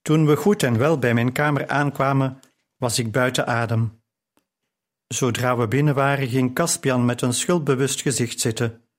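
A man reading a novel aloud as an audiobook narrator in a measured, even storytelling manner. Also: mid-range voice. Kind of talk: scripted narration.

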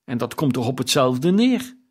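A man's voice: mid-range voice, very animated, moderate pace, a little mellow, slightly rough. A man voicing old Scrooge, a miserly old man, in a raised, probing and indignant voice for an audiobook reading. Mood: questioning, indignant.

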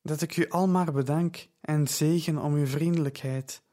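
A man's voice: on the high side, steady tone, moderate pace, natural voice. A man doing a timid, grateful young girl. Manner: soft, timid and apologetic.

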